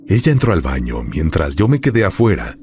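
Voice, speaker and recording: A man reading a scripted horror story, slowing down and dropping his voice on the ominous phrases. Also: extremely low pitch, sing-song, a little mellow, slight background noise.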